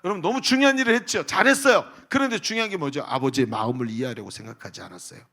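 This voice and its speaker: A middle-aged male senior pastor preaching a lively sermon to a youth service, often asking the congregation questions and acting out the voices he quotes. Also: fairly high pitch, very fast.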